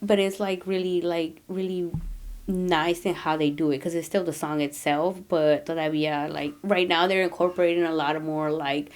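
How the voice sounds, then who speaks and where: A chatty woman speaks casually as a guest in a relaxed conversation. Her English is loose and slangy, and she keeps dropping Spanish words into it. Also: deep voice, moderate pace. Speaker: music maker and DJ guest. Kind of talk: casual chat.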